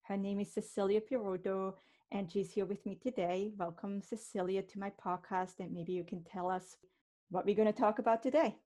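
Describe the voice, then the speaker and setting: A woman's voice: mid-range voice, fairly even intonation, moderate pace, warm tone. A woman from Switzerland hosting a podcast, telling stories in an earnest, reflective way. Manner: earnest, reflective storytelling with restarts. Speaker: podcast host, medium. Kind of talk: casual podcast talk.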